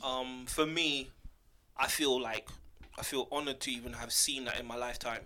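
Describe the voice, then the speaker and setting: A man's voice: medium pitch, steady tone, moderate pace, bright, forceful tone. A man with an urban London accent, chatting casually and in slang as a podcast panellist.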